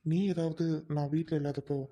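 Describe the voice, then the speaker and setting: A man's voice: a little high, little pitch movement, moderate pace, warm tone, close to an everyday voice. A man playing an earnest young husband who questions then apologizes to his wife, in a family web drama. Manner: earnest, apologetic, mixing in English words.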